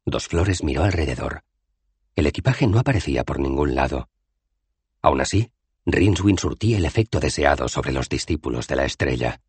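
A man with a husky voice narrating an audiobook in a measured, expressive reading. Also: extremely low pitch, no room sound. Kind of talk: scripted narration.

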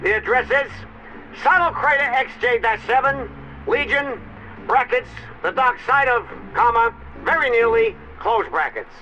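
An actor playing a breezy, chummy upper-class lord whose message is heard over a phone line. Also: male voice, extremely high pitch, animated, unhurried, slight background noise. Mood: jovial. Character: jovial posh male lord leaving a phone message. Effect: heard as a message left over a phone line. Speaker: client's agent. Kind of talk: audio drama acting.

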